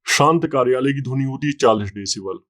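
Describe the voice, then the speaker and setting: A man's voice: medium pitch, animated, a little fast, fairly bright tone. A male teacher giving an exam-prep lecture, explaining step by step and often repeating key points and checking in with students.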